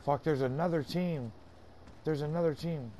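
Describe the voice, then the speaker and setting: A man's voice: on the high side, moderate pace, dark tone. A man playing a team shooter, casually giving squad orders to his teammates and swearing freely. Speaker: video game player. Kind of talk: live team shooter gameplay chat. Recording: game gunfire and noise behind voice. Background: video game sound effects.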